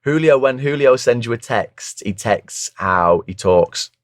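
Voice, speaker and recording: A man's voice: medium pitch, expressive, unhurried, dry recording. A hungover man, a podcast guest chatting casually with dry banter. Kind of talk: casual chat.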